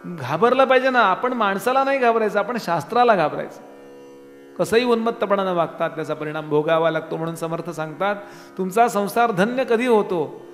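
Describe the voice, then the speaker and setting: A high-pitched man preaching, asking his listeners question after question in a chatty discourse style. His voice rings with long reverb in a large hall. Faint instrumental music plays underneath. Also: fairly quick, fairly bright tone. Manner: conversational preaching with rhetorical questions. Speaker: kirtan preacher. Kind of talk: Marathi devotional discourse.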